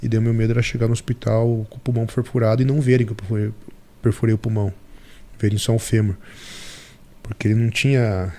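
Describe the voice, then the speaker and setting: A man as a podcast guest, telling a story in a lively way and acting out the dialogue. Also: lowish voice, fast.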